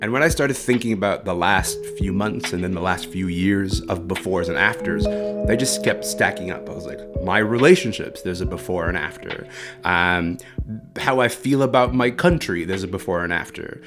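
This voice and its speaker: Thoughtful low-voiced man from Sudan. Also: normal speed, over music. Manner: thoughtful, reflective, with fillers like "um" and "like". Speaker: guest, culture writer. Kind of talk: interview over the phone or remote line.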